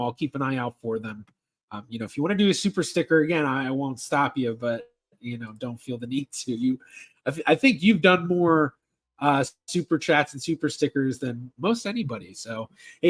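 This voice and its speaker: Reading out questions from viewers, a man with a mid-range voice runs a relaxed genealogy Q&A on a livestream. His delivery stumbles, full of ums and false starts.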